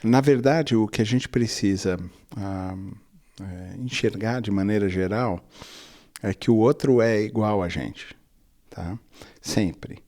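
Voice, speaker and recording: Man, Brazilian Portuguese accent, pastor, low voice, dark mellow tone, reflective, listing point after point. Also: slow pace. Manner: reflective, builds points through long lists. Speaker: pastor and guest.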